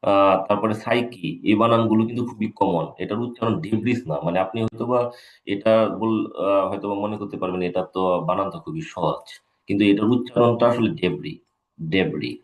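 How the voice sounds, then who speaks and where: A man's voice: lowish voice, fast talker. A man, an English teacher, giving a live exam-prep lecture, repeating key points and checking in with his students. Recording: echoey room.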